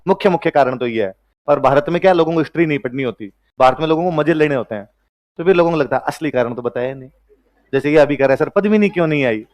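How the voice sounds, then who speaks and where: A man teaching a history class, asking and answering his own questions and joking with students. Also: fairly high pitch.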